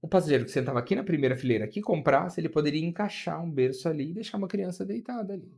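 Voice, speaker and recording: A man's voice: racing, creaky. A man with a Brazilian Portuguese accent, a flight attendant guest telling a story in an interview, his voice climbing as the story builds. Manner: animated, pitch rising as the story builds.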